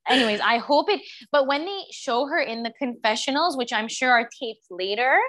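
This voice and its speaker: A woman's voice: sits high, expressive, normal speed, fairly bright tone. A woman guest on a podcast, chatting casually and trailing off into fillers. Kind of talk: casual chat.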